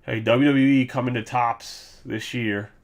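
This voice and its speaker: A man's voice: medium pitch, fairly even intonation, measured pace. A man hosting a live card break, casually recapping hits with loose jokes and asides. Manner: loose, joking, reads off card names.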